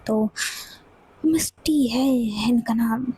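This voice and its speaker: A woman voicing a hot-tempered young woman who speaks softly and quietly, in an audio story. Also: on the high side, extremely slow, breathy edge, dry recording, exaggerated voice, rough recording.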